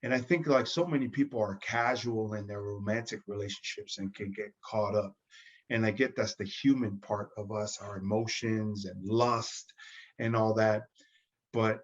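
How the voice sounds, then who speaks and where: A man hosting an interview, asking long, winding questions. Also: lowish voice. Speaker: host. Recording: dull, lo-fi sound.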